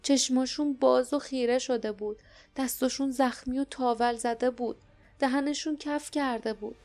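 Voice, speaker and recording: A woman voicing an anxious young kitchen worker who speaks in a low, fearful hush. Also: fairly even intonation, soft background music. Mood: frightened.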